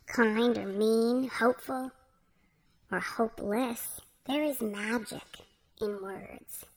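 A woman voicing a kind, gentle female fairy healer who speaks softly and patiently. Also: medium pitch, a little hiss or hum, pitched above the performer's own voice. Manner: soft, patient, coaxing.

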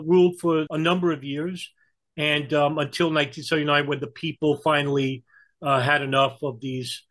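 A man with a New York accent giving conversational political and historical commentary, in a halting way with frequent hesitations. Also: on the high side, a bit bright. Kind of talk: conversational explanation.

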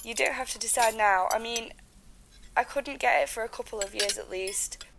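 A woman's voice: on the high side, moderate pace, creaky, background noise. A British woman playing an affectionate, eager wife and mother calling home news in an audio drama. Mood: hopeful, coaxing.

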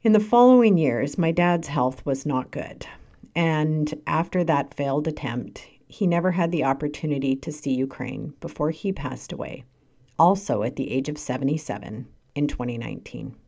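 Canadian woman in her 40s, low mellow voice, earnest measured read. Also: expressive. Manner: earnest, measured reading with emphatic stresses. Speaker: podcast host. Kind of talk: scripted personal monologue.

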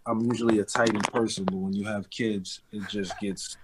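A man's voice: lowish voice, flat delivery, moderate pace, background noise. A man in his forties from the Bronx with a New York accent, talking casually as an interview guest, loose and street-casual. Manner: loose and street-casual, with frequent "you know what I'm saying".

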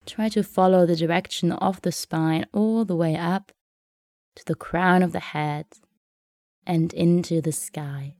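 A woman leads a guided meditation in a soft, soothing voice. Her delivery is very slow, with long pauses between phrases. The tone is dark and mellow, captured in a close, dry sound. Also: on the low side, steady tone, no echo.

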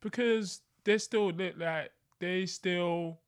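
A man's voice: high voice, takes it slowly, clear, resonant tone, dry recording, clean studio sound. A young man with a London roadman accent, chatting and debating casually in repetitive, emphatic slang. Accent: London, multicultural urban roadman slang.

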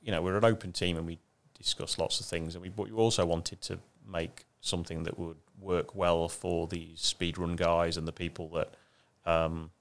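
Guy in his 50s, deep and gravelly, rambling bit self-deprecating chat. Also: level tone, normal speed, few pauses. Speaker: guest. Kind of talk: casual chat.

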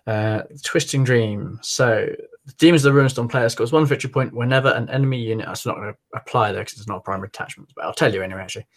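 A man co-hosts a hobby podcast, reading tabletop rules aloud in a brisk, matter-of-fact way. His pitch is middling and he moves along quickly. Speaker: podcast co-host. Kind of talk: reading out game rules in casual chat. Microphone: remote call.

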